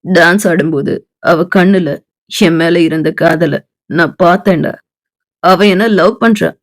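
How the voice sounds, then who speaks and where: A woman voicing a confident young college man in love, speaking low and intently in an audiobook. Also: a little slow, dry recording.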